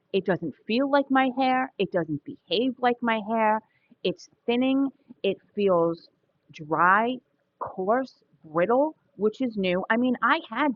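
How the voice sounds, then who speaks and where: A woman in her forties talks straight to camera in a casual personal vlog. She is candid and chatty, and often trails off and restarts mid-sentence. Her voice sits at a middle pitch, and the recording has a slightly dull, lo-fi tone. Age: 40s. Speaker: vlogger.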